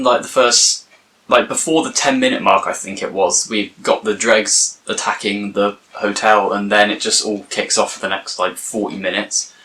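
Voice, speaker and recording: Guy rambling thru a review, bright voice, lots of uhs and ums. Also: medium pitch. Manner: rambling, hesitant with many fillers. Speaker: YouTube reviewer.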